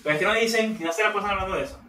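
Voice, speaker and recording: A man's voice: sits high, racing, sharp tone. Maracucho man joking, echoey room. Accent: Maracaibo Venezuelan. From Venezuela. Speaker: podcast co-host. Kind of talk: casual chat. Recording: roomy echo, distant mic, background noise.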